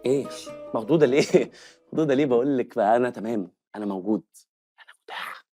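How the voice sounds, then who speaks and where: An actor playing a scheming, flustered Egyptian husband who stammers and mutters asides in a comedy film. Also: male voice, medium pitch, very fast, warm tone, faint music behind, natural voice. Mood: boastful. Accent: Egyptian Arabic. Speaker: comic actor.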